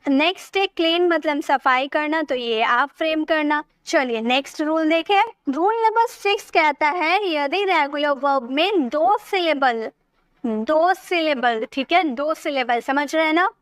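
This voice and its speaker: An English teacher with a high, bright voice and lively intonation gives a spoken grammar lesson, working through each rule slowly. She is patient, explains step by step and asks questions to check her students' understanding. The recording is close-miked in a dry room with almost no echo.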